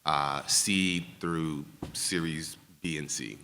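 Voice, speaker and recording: A man from New York speaks as a venture investor on a panel in a measured way, with some fillers. His voice is very deep and very bright, and a long reverb from the event hall follows it. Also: fairly even intonation, a little hiss or hum. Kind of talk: panel discussion.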